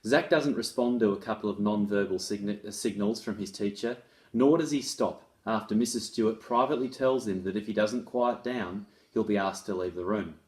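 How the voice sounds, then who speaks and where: A man who presents on restorative practices in schools, billed as an education author, reads a case study aloud and explains it in a conversational, instructive manner. His voice is on the low side and darkish, at a moderate pace.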